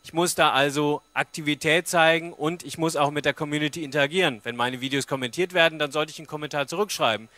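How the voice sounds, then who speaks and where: This man in his thirties talks fast with hardly any pauses, his voice fairly high and sharp, his tone steady, during an informal explanatory presentation and audience Q&A. He stands at a book fair forum stage using a handheld-type microphone on a stand, and no room sound comes through.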